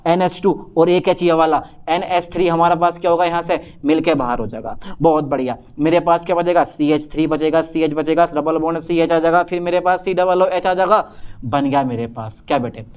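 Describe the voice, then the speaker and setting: A man's voice: fairly high pitch, fairly even intonation, a little fast, a little mellow, clear, resonant tone. A young man lecturing on chemistry at a whiteboard, talking to his students and answering his own questions in a student's voice. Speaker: chemistry teacher.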